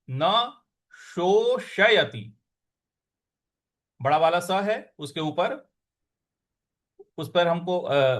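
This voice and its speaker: A man teaching a scripture lesson, reciting verses in a slow chanting tone and then explaining pronunciation and meaning. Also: high voice.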